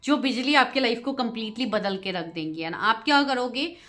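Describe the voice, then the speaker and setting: A woman's voice: on the high side, moderate pace, fairly bright tone. A woman giving a tarot reading to her viewers, chatty, often laughing and mixing English phrases into her talk. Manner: giggly, keeps breaking into laughter. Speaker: tarot reader.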